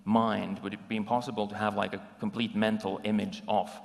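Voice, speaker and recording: Finnish man giving a gravelly conference talk. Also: on the low side, level tone, a little fast. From Finland. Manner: conversational, with frequent ums and restarts. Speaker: conference speaker. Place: conference hall. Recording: live hall recording with long reverb.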